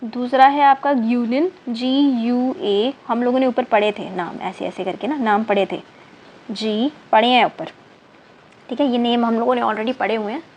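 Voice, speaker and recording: This woman teaches chemistry online at a moderate pace, her fairly high voice somewhat mellow and fairly even in intonation. She counts out loud, spells terms letter by letter and repeats them, slips in English words, and keeps asking students "thik hai na". The audio is low quality, with faint background noise.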